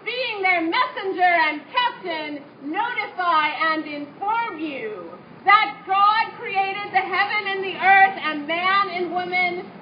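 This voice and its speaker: A woman's voice: extremely high pitch, lively intonation, slow pace, few pauses, a little hiss or hum, heavily acted. A woman reading as a pompous conquistador herald. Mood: proclaiming. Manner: grandiose, declaiming. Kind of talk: live skit reading. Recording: echoey, muffled, mic from far off.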